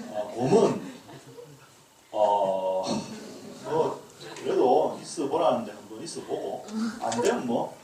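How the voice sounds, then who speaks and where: A male pastor with a mid-range, slightly mellow voice gives a humorous lecture to a leadership school class, acting out little lines of dialogue as he teaches. The recording is echoey, with a distant mic and faint noise.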